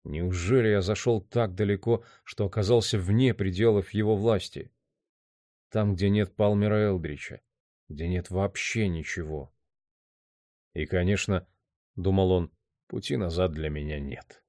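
A man voicing a weary, despairing man who broods quietly to himself, in an audiobook reading. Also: sits low, unhurried, dry recording, clean studio sound. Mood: brooding.

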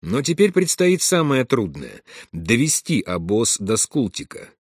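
A man reading a war story aloud in measured scripted narration, dropping to a hush for whispered lines. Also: mid-range voice, huge pitch swings, breathy edge, no room sound, studio quality. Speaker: audiobook narrator.

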